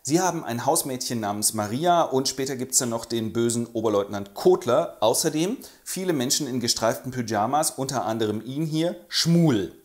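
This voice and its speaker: A man's voice: mid-range voice, moderate pace, hardly any pauses. A man narrating a playful book summary, acting out every character himself. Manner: animated storytelling, acting out all the characters.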